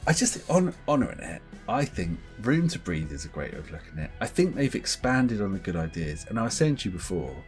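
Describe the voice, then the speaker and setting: Male co-host, low voice, very lively delivery, laughs a lot, casual gaming chat. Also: fairly quick, few pauses, soft background music. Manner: animated, laughs often, puts on voices to mimic others. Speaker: podcast co-host. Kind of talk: casual chat about games.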